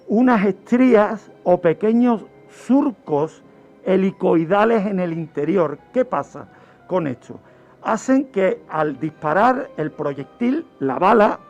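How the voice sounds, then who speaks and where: A guest criminologist recounts a true-crime history on the radio, instructing listeners by raising questions and resolving them. His voice is high-pitched, creaky, and darkish, and the sound quality is lo-fi.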